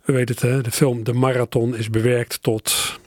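A man's voice: mid-range voice, flat delivery, moderate pace, dry recording, studio quality. A man presenting a radio program, introducing recorded fragments in a conversational way with little asides.

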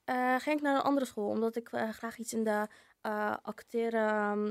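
A young woman with a Polish accent talks in a casual panel chat. Her voice sits high, and she hesitates often, filling gaps with "eh". The sound is dry and close. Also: steady tone, normal speed, dry recording. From Poland. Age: young adult. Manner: hesitant, many fillers. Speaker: panel guest.

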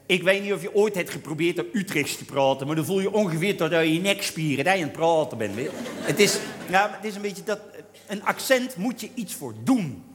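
A man telling a humorous story about a pub, imitating drawn-out Amsterdam singing. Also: high-pitched, in a large hall, slight background noise. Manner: lively, imitates Amsterdam singers with drawn-out vowels. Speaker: storyteller on stage.

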